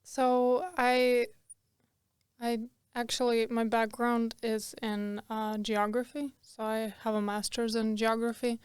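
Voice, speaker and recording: Young woman from Croatia, guest; smooth, even delivery, chatty with frequent laughs. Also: fairly high pitch, slow pace, no echo. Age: young adult. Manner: chatty, laughs often, many fillers. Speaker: podcast guest. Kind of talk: casual interview.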